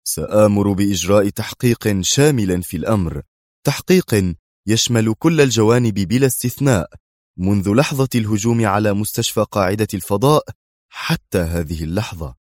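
A man voicing a cold, commanding intelligence chief in an audiobook, deep and low-pitched. He clips out his orders curtly, in a dry, close sound. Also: a little fast, a little mellow, no echo, natural voice. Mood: stern, commanding. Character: stern middle-aged male intelligence director.

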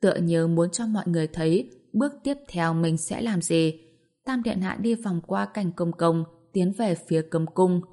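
A woman narrating a fantasy novel aloud in an even, storytelling manner. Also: fairly low pitch, moderate pace. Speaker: audiobook narrator.

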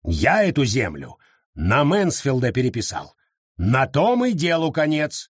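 A man voicing a gruff, domineering older brother in an audiobook, speaking harshly and with scorn. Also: mid-range voice, wildly swooping pitch, a little slow, no echo, studio quality, full character voice. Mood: threatening. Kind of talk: audiobook reading.

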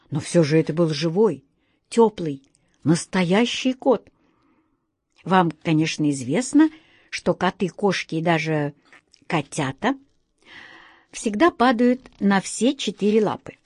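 A woman narrating a children's audiobook in a slow, expressive storytelling manner. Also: lowish voice, husky, dry recording, studio quality.

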